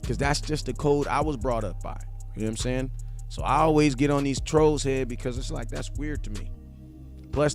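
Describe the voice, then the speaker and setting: A laid-back man in his forties with a medium-pitched voice talks in loose slang. He's a sports fan host on a live stream, reading viewer comments casually, speaking directly to his audience, and repeating himself for emphasis.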